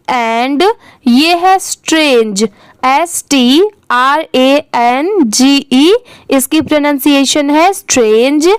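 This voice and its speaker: High-voiced woman teaching reading. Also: dry recording. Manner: spells words letter by letter, then asks and answers her own questions. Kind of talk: spelling-and-reading lesson, letters spelled out slowly.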